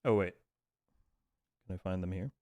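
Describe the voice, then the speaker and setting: A man's voice: sits low, moderate pace, dark tone. A man streaming a video game, chatting casually and thanking viewers by name. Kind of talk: casual live-stream chat.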